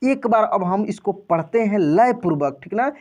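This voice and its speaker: Man, teacher, online video lesson for adult learners, patient, repetitive, drawn-out stressed vowels, checks understanding often. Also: sits high, animated. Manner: patient and repetitive, drawing out vowel sounds loudly for practice; addresses viewers as friends and often checks understanding.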